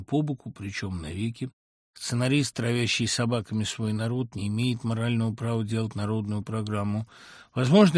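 A man narrating a literary audiobook in an expressive, ironic way, hitting words with sudden emphasis. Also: mid-range voice, dry recording, studio quality. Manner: expressive, ironic reading with sharp emphatic jumps.

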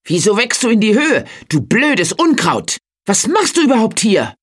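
A woman's voice: fairly high pitch, sing-song, moderate pace, husky, pitched above the performer's own voice. A woman doing a spiteful bewitched little boy. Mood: scornful. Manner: scornful, shouting insults. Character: cold-hearted cruel young boy, enchanted. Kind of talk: storybook reading.

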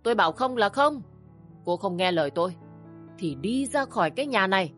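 A woman's voice: medium pitch, expressive, brisk, fairly bright tone, soft background music, voice pushed up, natural voice. A woman voicing a bossy, contemptuous older mother-in-law who scolds and sneers. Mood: scolding.

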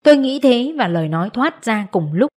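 A woman narrating a first-person audiobook story in an expressive storytelling manner. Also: a little high, fairly quick.

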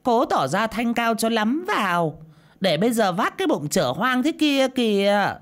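Catty village gossip lady, a woman voicing her, highish lively voice. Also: a little slow. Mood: spiteful. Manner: gossipy, mocking.

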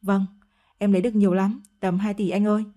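A woman's voice: mid-range voice, flat delivery, quick pace, dark tone, close to an everyday voice. A woman voicing a scheming middle-aged woman in an audio story, whining and pleading. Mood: elated.

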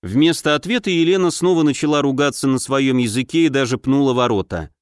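A man narrating a first-person fantasy audiobook in a lively way, acting out the dialogue. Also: mid-range voice, a little fast, clear, resonant tone, no echo, clean studio sound.

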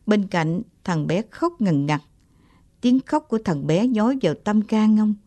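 A woman narrating an audiobook short story at a calm, measured pace. Her voice sits in a middle register. The sound is dry and close. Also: medium pitch, dry recording.

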